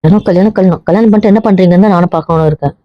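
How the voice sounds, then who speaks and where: A woman's voice: on the low side, rapid-fire, dry recording, close to an everyday voice. A woman playing a bride-to-be who teases and soothes her groom. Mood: teasing. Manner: playful, teasing. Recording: muffled lo-fi sound.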